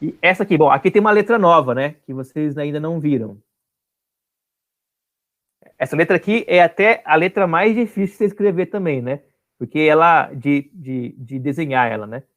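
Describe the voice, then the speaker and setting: A man's voice: fairly high pitch, moderate pace, fairly bright tone. A man teaching an online class, explaining step by step and often checking that his students follow.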